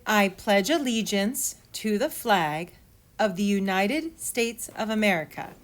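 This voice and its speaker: Slow woman on a school intercom. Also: mid-range voice, lively intonation. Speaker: announcer leading the school pledge. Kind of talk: slow, formal announcement.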